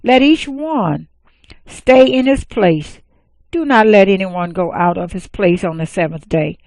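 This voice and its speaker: God giving orders, read by a woman, solemn and steady, dry close sound. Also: mid-range voice, unhurried, no echo, close to an everyday voice, rough recording. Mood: commanding. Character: God, a male deity giving commands.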